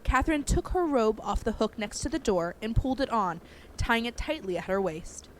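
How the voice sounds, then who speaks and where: A woman storyteller narrating a horror story in a suspenseful way, growing hushed at tense moments. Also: on the high side, animated, normal speed, a little hiss or hum. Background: music.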